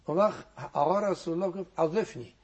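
A man's voice: sits high, a little mellow, muffled recording. A man giving a religious talk as a guest on a program, teaching earnestly and quoting Arabic prayers, his voice sometimes sinking to a near whisper.

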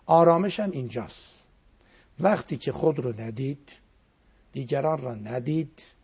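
Man, cleric, reflective religious talk, gravelly voice, very husky, quotes verse. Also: mid-range voice, lively intonation, a little mellow.

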